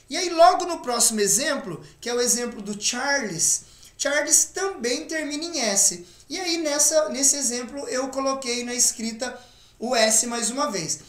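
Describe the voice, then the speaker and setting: A woman's voice: on the high side, roomy sound. A woman with a Brazilian Portuguese accent teaching an online English lesson. She explains patiently, step by step, and often checks that the learner is following.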